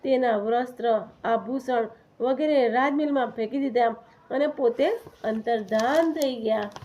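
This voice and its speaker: A woman narrating a devotional story in a steady, even reading voice. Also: on the high side, unhurried, highs cut off.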